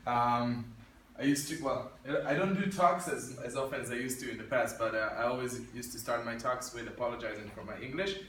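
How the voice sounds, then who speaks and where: Speaking a little fast with hardly any pauses, this guest speaker has a medium-pitched, slightly bright voice over a faint hiss or hum. He's a young Israeli military officer in his twenties, a native Arabic speaker, addressing students informally in a room with an audience. He hesitates constantly, restarting and saying um, yet shows wry humor, all heard through the echo of a distant mic.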